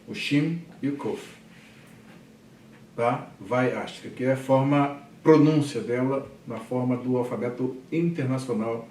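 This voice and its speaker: Um professor brasileiro explica devagar, repetindo cada termo e checando com os alunos. Sua voz de tom médio vem de longe, gravada numa sala de aula que ecoa bastante. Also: male voice, mid-range voice, a little mellow, a little hiss or hum. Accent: Brazilian Portuguese. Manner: patient, repeats terms slowly, asks "tá?" often. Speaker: teacher. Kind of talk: classroom lecture. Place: classroom. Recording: echoey classroom from a distance.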